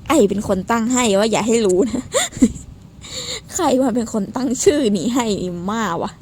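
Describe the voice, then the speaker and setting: A woman with a high-pitched voice chats through her gameplay in a loose, excitable way. She squeals, mutters and swears playfully at the game, always talking to her viewers. Faint background noise sits under her voice. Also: normal speed. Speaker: game streamer. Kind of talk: casual gameplay commentary.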